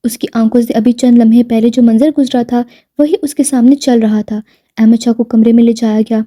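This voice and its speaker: Mellow-voiced woman reading a novel. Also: on the high side, steady tone. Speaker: novel reader. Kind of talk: storybook narration of a romance novel.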